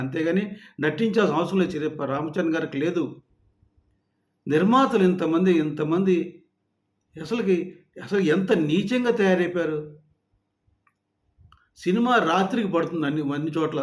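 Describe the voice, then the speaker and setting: A man delivering an angry, scolding rant to the camera, firing off rhetorical questions. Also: fairly high pitch. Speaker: social media commentator. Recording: echoey room.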